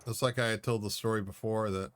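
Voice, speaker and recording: A man's voice: on the low side, fairly even intonation, fast talker. A man streaming a space game, chatting casually and talking back to the game. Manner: rambling, talks back to the game. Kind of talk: casual chat while playing.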